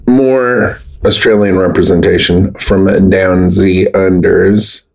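Fairly low voiced guy, deadpan, goofy over the top bits on a chill podcast. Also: takes it slowly, creaky. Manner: deadpan, absurd overblown jokes. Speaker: podcast co-host. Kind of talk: casual podcast chat.

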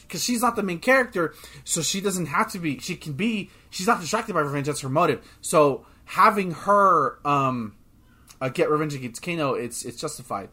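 A man co-hosting a casual chat podcast, rambling and excitable, often swearing as he talks. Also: fairly high pitch, husky. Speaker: podcast co-host.

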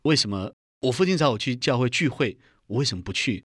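A man's voice: medium pitch, expressive, quick pace, a bit bright, husky, no echo, studio quality. A middle-aged man earnestly telling his personal testimony in an interview. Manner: earnest storytelling, acts out quoted voices. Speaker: guest giving testimony.

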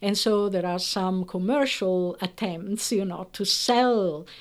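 This medium-pitched woman, a native Italian speaker and researcher, is being interviewed about why bilingualism helps people. Her delivery is measured and explanatory, careful, broken by frequent pauses and hesitant fillers.

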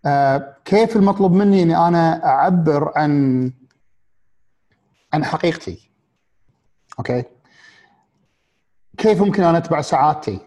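Gulf Arabic man, reflective, slightly high voice. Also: warm tone. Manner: asks many rhetorical questions, halting with fillers and restarts. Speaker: speaker on happiness and mindfulness. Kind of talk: reflective motivational talk to an audience.

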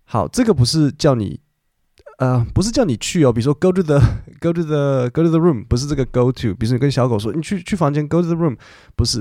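A man's voice: mid-range voice, mellow, no room sound, studio quality. A man, hosting a casual podcast lesson and explaining English words in a chatty way full of fillers. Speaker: podcast host and English teacher.

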